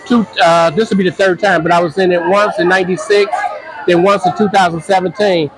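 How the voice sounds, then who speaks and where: A man in his sixties from the United States, answering interview questions in a halting, earnest way with many restarts. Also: high-pitched, steady tone, over music, crowd noise, poor audio. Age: 60s. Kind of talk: casual interview.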